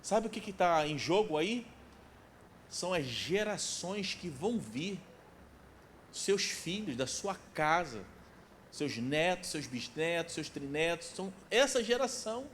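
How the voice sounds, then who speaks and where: A man in his forties preaching a sermon as pastor in a church, emphatic, repeating key phrases and dropping to a soft pleading tone. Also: fairly high pitch, lively intonation, unhurried, a little hiss or hum. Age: 40s. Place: church sanctuary.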